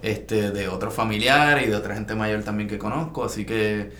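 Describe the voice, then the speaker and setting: A man's voice: lowish voice, moderate pace, sharp tone. Guy talking records on a podcast, kinda roomy echo, faint background hum. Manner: easygoing, hesitant fillers, laughs along. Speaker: podcast co-host, record collector. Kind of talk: casual podcast chat.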